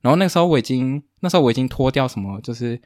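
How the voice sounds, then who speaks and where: A man hosting a podcast, telling anecdotes in a rambling, casual way with quick asides. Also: mid-range voice, animated, darkish tone, no room sound, studio quality. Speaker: podcast host. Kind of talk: casual chat.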